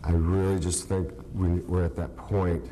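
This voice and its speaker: A man speaking as an official in a government meeting, halting and hesitant, with a quiver in his voice. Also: deep voice, level tone, dark tone, slight background noise. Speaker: county official. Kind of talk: unscripted formal remarks at a government meeting. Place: indoor government meeting room.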